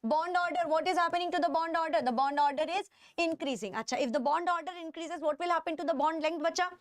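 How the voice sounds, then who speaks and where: A woman with an Indian accent gives a live lecture to students in a high-pitched voice. She repeats her phrases and questions with emphasis, checking that listeners follow. The sound is dry, with hardly any room in it. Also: quick pace, no room sound. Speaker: chemistry teacher.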